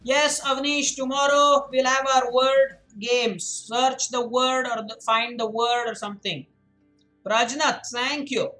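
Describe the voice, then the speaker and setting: A man's voice: very high voice, fairly even intonation, slow pace, bright, forceful tone, faint music behind, poor audio. A male chess coach giving a live-stream lesson, explaining moves, correcting students by name, repeating his points and answering the chat. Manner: repeats points to drill them in; reads the chat aloud and answers it.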